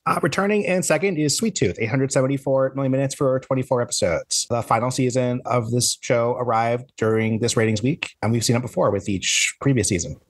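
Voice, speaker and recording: Male co-host, mid-pitched voice, brisk chart rundown with asides, dry close mic. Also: husky, dry recording. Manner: brisk, list-reading with asides. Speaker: podcast co-host. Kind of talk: reading ratings charts in casual chat.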